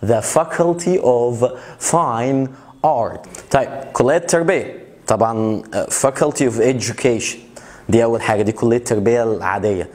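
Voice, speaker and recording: A young man with an Egyptian Arabic accent teaching English vocabulary in a casual video lesson. He jokes between words and slows right down to stretch each English term out for pronunciation practice. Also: medium pitch, a little mellow. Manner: joking, chatty asides.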